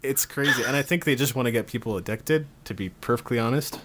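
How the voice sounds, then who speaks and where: A man from Canada hosting a casual group podcast chat on a call, chatty and quick to laugh as he steers the talk. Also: medium pitch, fairly bright tone, a little hiss or hum. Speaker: podcast host.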